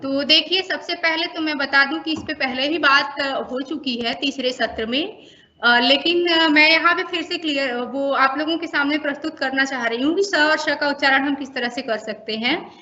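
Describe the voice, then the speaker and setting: A woman's voice: sits high, moderate pace, pushed and bright, dull audio. A woman training teachers, patiently explaining pronunciation and repeating sounds for practice. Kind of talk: instructional talk to teachers.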